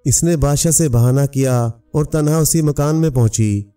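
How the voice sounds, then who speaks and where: Brief: male storyteller, mellow dark voice, set back from the mic with faint music. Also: a little high, normal speed, clear, resonant tone, far from the mic. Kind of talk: scripted storybook narration.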